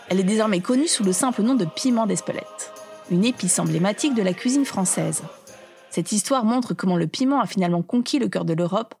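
A woman reading scripted documentary narration in a measured, explanatory way. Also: medium pitch, a little mellow.

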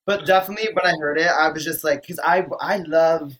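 A man's voice: a little high, brisk, fairly bright tone. A man who is a drag queen, chatting breezily and campily as a podcast guest. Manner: breezy and campy, with restarts. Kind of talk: casual interview chat.

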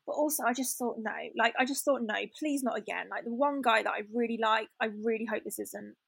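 Young woman chatting candidly, a bit high, gravelly, dry close sound. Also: brisk, no echo. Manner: candid, chatty, many fillers and restarts. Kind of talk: casual storytelling chat.

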